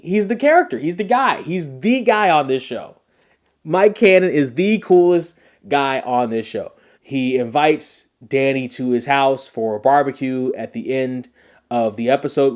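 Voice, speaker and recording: A man hosting a podcast, recapping a TV episode in a casual, animated way and repeating phrases for emphasis. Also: mid-range voice. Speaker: podcast host.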